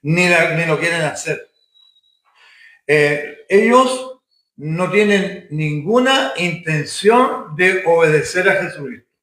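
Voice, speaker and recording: Male preacher, emphatic and questioning, high voice, echoey church room. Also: lively intonation, slow pace, fairly bright tone. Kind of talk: Sunday school sermon.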